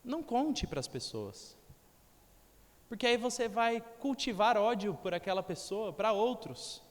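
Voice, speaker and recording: A young man delivers a sermon in a high, light voice. He keeps it conversational and acts out the voices of the people he quotes. The long reverb of a church hall trails after his words. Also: very animated, unhurried. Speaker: preacher.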